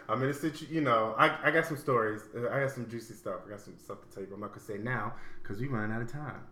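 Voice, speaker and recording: A man's voice: medium pitch, fast, pushed and bright, reverberant, a little hiss or hum. A man in his late thirties hosting a casual podcast chat, laughing often and acting out quoted voices. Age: 30s. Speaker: podcast host.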